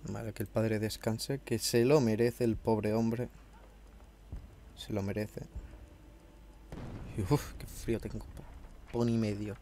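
This gameplay commentator, nursing a cold and a slightly hoarse throat, chats and swears casually from a room in his home. He speaks slowly with frequent pauses in a lowish, dark voice with fairly even intonation, and there's a little hiss or hum.

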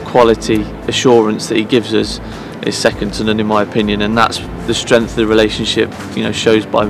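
A man in his thirties, a head groundsman, speaking earnestly to camera outdoors at pitch side in an empty stadium, pausing often with fillers and restarts. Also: monotone, music in the background. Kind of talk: promotional interview to camera.

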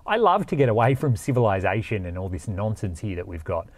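His voice is on the low side with big pitch swings, and he talks a little fast. The speaker is a frank Australian vlogger in his forties, an overland traveller explaining things casually from a workshop garage and a vehicle seat.

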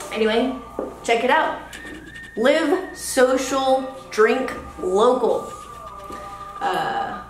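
A woman's voice: fairly high pitch, a little hiss or hum. A woman in her thirties hosting a casual beer vlog at home, swearing freely and rambling. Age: 30s. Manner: profane and rambling, loud whoops. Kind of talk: casual chat. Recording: echoey room from far off.

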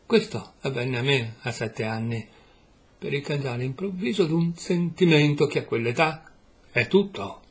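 A man reading the part of a troubled man haunted by his past, confessing in a pained, halting way. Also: medium pitch, breathy edge. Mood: reflective. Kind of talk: audiobook reading.

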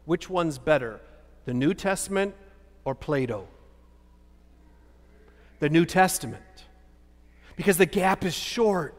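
A man in his fifties, a pastor, delivering an animated sermon full of rhetorical questions, standing and gesturing at a lectern in a large church sanctuary. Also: high-pitched. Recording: long church hall reverb.

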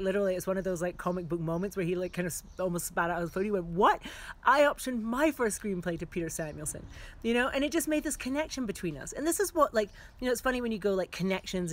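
A middle-aged woman talks straight to the viewer in a frank, animated way, giving career advice as a working filmmaker. Her voice sits at an everyday middle pitch. She is casual and direct, and she leans on "like" and "you know" as she goes.

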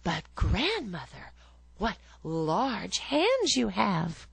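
Brief: woman doing an eager, polite little girl for a storybook, high and sing-song, dry close voice. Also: wildly swooping pitch, drawn-out words, creaky, breathy edge, dry recording, heavily acted. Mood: wondering. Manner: bright, sing-song girlish delivery. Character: cheerful innocent young girl, polite and eager. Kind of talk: storybook read-aloud.

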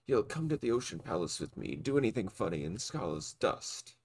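A man putting on Dalton, a slow sinister villain. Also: on the low side, very animated, vocal fry, heavily acted. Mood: menacing. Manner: slow, drawling, mocking. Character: sinister scheming male villain, smug. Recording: loud game music behind.

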